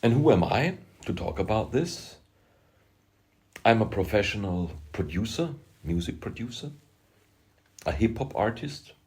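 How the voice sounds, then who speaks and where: Austrian man, low voice, slow and emphatic, opinionated vlogger with halting asides. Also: a little mellow. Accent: Austrian German. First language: German. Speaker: music producer and rapper. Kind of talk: opinionated vlog monologue.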